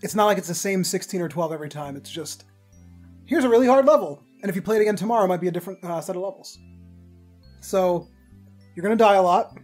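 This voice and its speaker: A man doing casual gameplay commentary with a friend, teasing and excitable, yelping loudly when things go wrong. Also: high voice, fast talker, soft background music. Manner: excitable, teasing, loud yelps at setbacks. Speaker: let's play host.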